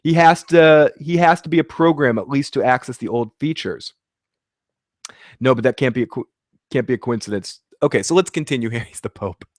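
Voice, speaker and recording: Hosting a laid-back TV episode recap, this sick, sniffling Bostonian rambles, restarts his sentences, and swears freely. He speaks briskly in a mid-range voice, captured cleanly at studio quality without echo.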